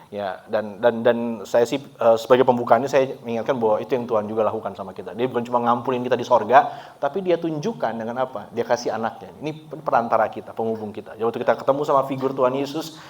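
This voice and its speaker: A man preaching a sermon at a church service in a relaxed, chatty way, often laughing and mixing in English words. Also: mid-range voice, dull audio. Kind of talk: conversational sermon.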